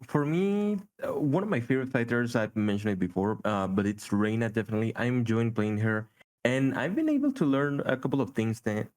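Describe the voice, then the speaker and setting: Low-voiced man explaining at length. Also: a little mellow. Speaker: podcast panelist. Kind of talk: casual chat.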